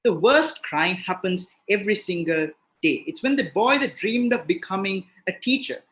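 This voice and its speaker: A man's voice: high voice, animated, moderate pace, a bit bright. A man delivering an emphatic, rhetorical opening speech in a competitive debate over a video call. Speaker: debate speaker.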